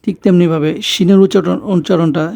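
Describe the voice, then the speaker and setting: Man, Bangladeshi Bengali accent, Arabic pronunciation lesson, patient repetition, high voice. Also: steady tone, vocal fry, mellow. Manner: slow, patient, repeats each sound several times. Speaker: Quran teacher.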